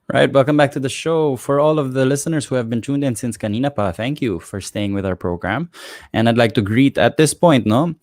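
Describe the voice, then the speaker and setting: A man's voice: medium pitch, fairly quick, a little mellow, no room sound. A man hosting a radio show, chatting and greeting listeners by name.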